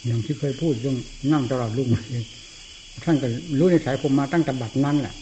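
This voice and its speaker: An older man, a Buddhist monk, giving a blunt, forceful dhamma talk in answer to a disciple. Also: medium pitch, fairly quick, background noise.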